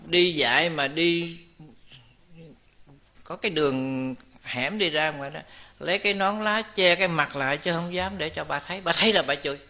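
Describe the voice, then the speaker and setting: Bright-voiced male preacher. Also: on the high side, moderate pace. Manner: lively storytelling, acts out characters' voices, addresses the audience directly. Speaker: Buddhist preacher. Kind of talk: storytelling dharma talk.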